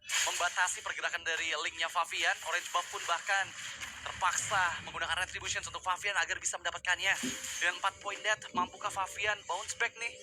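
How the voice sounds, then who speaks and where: A man with an Indonesian accent shoutcasting a video game match as play-by-play commentator, in an urgent fighting game announcer style. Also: high voice, a little fast, noisy background. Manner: excited, urgent calling of kills.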